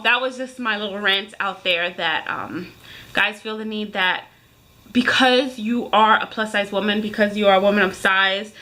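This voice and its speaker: With a mid-range, bright, forceful voice, a woman in her thirties delivers a casual, emphatic rant to viewers in the manner of a vlogger.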